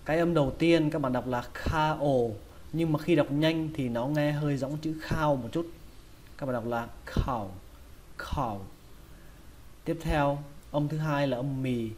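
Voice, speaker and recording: A man's voice: a little high, a little mellow, slight background noise. A man with a Vietnamese accent teaching English vocabulary, patiently repeating each word several times. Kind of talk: pronunciation lesson.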